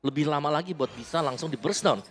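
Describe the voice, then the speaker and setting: A man's voice: a little high, quick pace. A man giving conversational esports match analysis as a commentator.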